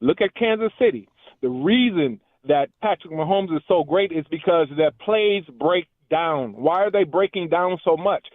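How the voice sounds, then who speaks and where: A man's voice: fairly high pitch, animated, normal speed, no echo. A man calling into a talk-radio show, heard over a muffled phone line, earnestly building his point with restarts. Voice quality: muffled, as if underwater. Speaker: radio call-in caller.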